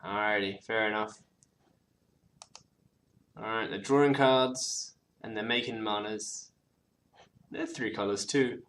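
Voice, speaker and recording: With a lowish, fairly even, fairly bright voice, this co-host talks slowly and leaves long pauses. He provides casual commentary while playing an online card game, restarting words and muttering the names of cards. There's faint noise in the background.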